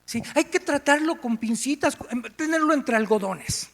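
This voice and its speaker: A man's voice: very high voice, moderate pace, creaky. A man with a Mexican accent preaching a sermon, telling stories animatedly and asking the congregation questions. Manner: animated storytelling, asks the congregation. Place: church meeting room. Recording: echoey church hall.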